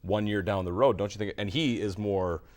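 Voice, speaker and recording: A man's voice: on the low side, moderate pace. An American man hosting sports radio chat, moving topics along and putting questions to his co-host. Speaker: sports talk show host.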